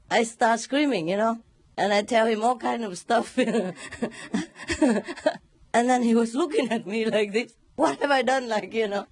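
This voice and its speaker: A fairly high-pitched woman speaks at a measured pace, recorded without echo. As a spiritual teacher in relaxed talk, she laughs often and tells her story with vivid imitated sounds.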